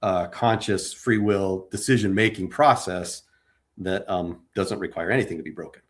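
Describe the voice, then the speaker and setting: A man's voice: low-pitched, normal speed. A man talking as a podcast guest in casual discussion, explaining his ideas in a hesitant way with many stammered restarts.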